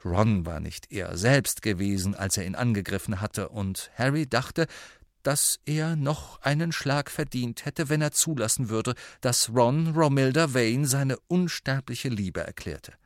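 A man narrating an audiobook in an expressive storytelling manner. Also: medium pitch, unhurried, no room sound, clean studio sound.

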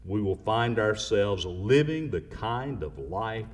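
A middle-aged man preaching a sermon as pastor, swinging between loud emphatic rises and quiet low asides. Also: expressive, takes it slowly.

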